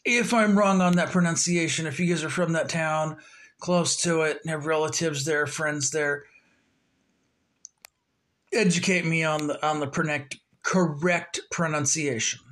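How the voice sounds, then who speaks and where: A man's voice: on the high side, fairly even intonation, a little slow, a bit bright. A man hosting his own podcast, chatting in a loose, rambling way with plenty of fillers. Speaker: podcast host. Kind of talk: casual solo podcast talk.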